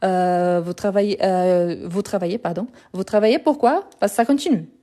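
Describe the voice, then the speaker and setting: A woman's voice: medium pitch, moderate pace, mellow. A woman teaching a live grammar lesson over her phone, explaining patiently, repeating words and correcting herself as she goes. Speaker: French teacher.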